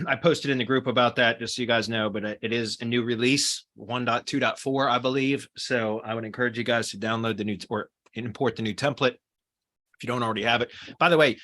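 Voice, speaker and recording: Mid-pitched man, frank joking host explaining updates. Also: sharp tone. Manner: candid, joking, mildly profane. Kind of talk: casual webinar chat.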